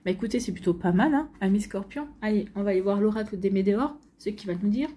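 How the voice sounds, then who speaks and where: A woman giving an intuitive card reading, speaking to the listener in a gentle, reassuring, guiding manner with a slightly husky voice. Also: medium pitch, fast talker, slight background noise. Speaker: tarot card reader.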